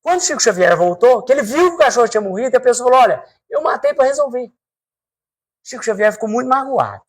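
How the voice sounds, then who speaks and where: Expressive Brazilian man giving a spiritual talk. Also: slightly rough. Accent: Brazilian Portuguese. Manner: expressive, swinging pitch with slow emphatic repetitions; addresses the audience directly with rhetorical questions. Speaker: spiritual speaker.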